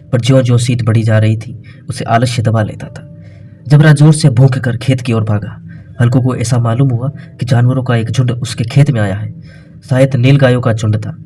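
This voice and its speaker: A male storyteller reads a classic tale in a measured, literary way. His voice is mellow and warm, and soft music runs underneath. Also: medium pitch. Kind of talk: scripted narration.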